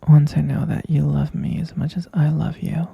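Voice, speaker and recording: A young man voicing an obsessive boyfriend who keeps his lover caged, whispering in a soft, coaxing way. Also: fairly high pitch, little pitch movement, normal speed, dry recording, dull audio, exaggerated voice. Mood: possessive, coaxing. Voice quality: breathy whisper. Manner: soft, coaxing, menacingly sweet. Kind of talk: whispered ASMR roleplay.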